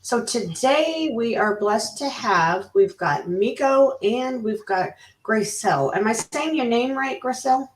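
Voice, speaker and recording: A woman's voice: on the high side, expressive, takes it slowly, hardly any pauses. A woman hosting a live interview, chatty and upbeat, with lots of fillers and laughs. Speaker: interviewer host. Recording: roomy, distant mic.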